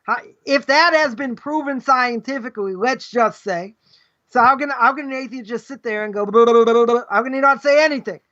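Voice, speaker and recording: A man's voice: very high-pitched, fairly quick, bright, forceful tone. A middle-aged man, a rabbi, giving a live, rambling lesson, firing rhetorical questions and tagging his points with "right?". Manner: rambling, tags nearly every point with "right?". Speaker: rabbi teaching ethics. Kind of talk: live conversational Torah lesson. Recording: dull lo-fi livestream audio.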